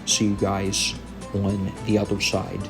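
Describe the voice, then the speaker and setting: A young gaming YouTuber goes over balance changes from patch notes in a slow, low, gravelly voice, sounding tired and as if he's catching a cold. His delivery is flat and hesitant, full of ums, with game music clearly audible underneath.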